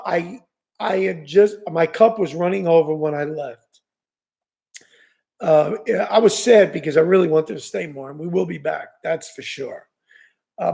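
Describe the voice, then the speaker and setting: Host, New York accent, high-pitched and very gravelly, rambling chatty delivery. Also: male voice, a little mellow. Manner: rambling, enthusiastic storytelling with many restarts. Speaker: fishing show host. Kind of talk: casual chat.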